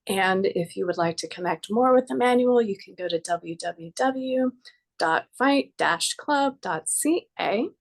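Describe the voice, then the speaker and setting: A woman's voice: mid-range voice, animated, unhurried. A woman hosting an interview over a video call with her computer mic, friendly and giggly, introducing her guest. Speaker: interview host, body care practitioner. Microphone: computer microphone.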